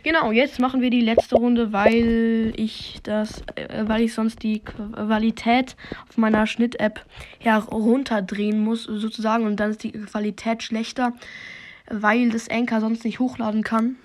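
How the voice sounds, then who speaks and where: A woman hosting a podcast while playing a video game, commenting casually and swearing, recorded on a low-quality phone microphone. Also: little pitch movement, a little slow, a little hiss or hum. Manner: slangy, swears, talks to herself and her listeners.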